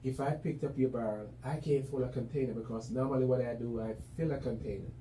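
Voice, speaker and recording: A man's voice: medium pitch, steady tone, fast. A man chatting casually as an interview guest, talkative and loose with lots of fillers. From Jamaica. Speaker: business owner guest. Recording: echoey room, mic at a distance, faint background noise.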